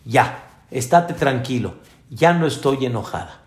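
A man playing a calm, firm mother. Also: medium pitch, unhurried, close to an everyday voice. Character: stern but calm mother soothing her son. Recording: echoey room.

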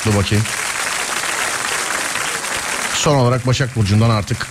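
A man's voice: mid-range voice, fast talker, a loud crowd, very noisy. A man hosting a live radio call-in show, teasing callers and laughing often.

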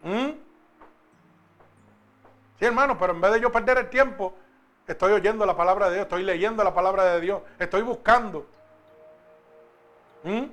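A man with a high, somewhat bright voice preaches a sermon, engaging the congregation with questions. When he reads scripture, he slows down and emphasizes each word.

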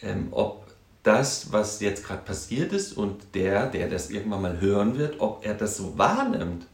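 A man who works as a counselor and music therapist, talking in a thoughtful, halting way with many tag questions. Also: on the low side, very animated, roomy sound. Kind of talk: reflective conversational talk.

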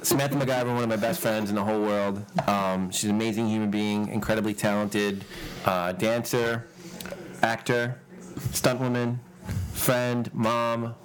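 Slightly deep-voiced man hosting a casual podcast. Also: flat delivery, normal speed, low-quality recording. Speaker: podcast co-host. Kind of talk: casual chat.

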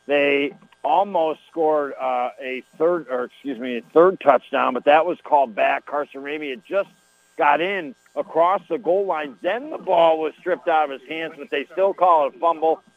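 A man announcing a live high school football game over AM radio, in a folksy, chatty way as he rattles off scores and plays. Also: normal speed, no room sound. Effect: AM radio broadcast sound. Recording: tinny, dry AM radio line.

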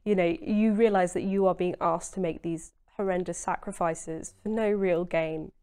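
Earnest young woman, lowish voice. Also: fairly even intonation, moderate pace, dark tone, clear, resonant tone. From Essex, England. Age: 20s. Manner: earnest, emphatic, frequent "you know". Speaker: interview guest. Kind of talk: conversational political interview.

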